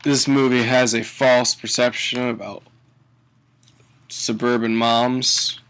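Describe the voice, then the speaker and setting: A man giving a casual comedic movie review in a tipsy, halting ramble, swearing and often chuckling mid-sentence. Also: medium pitch, little pitch movement, fairly bright tone, clear, resonant tone. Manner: tipsy, drunken rambling delivery. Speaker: film reviewer.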